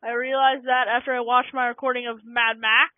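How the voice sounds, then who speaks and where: A young-sounding gaming channel host giving casual, rambling let's-play commentary with many fillers, recorded on a cheap low-quality microphone. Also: little pitch movement, a little fast, a little hiss or hum. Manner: rambling, self-conscious, lots of fillers. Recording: tinny lo-fi cheap mic.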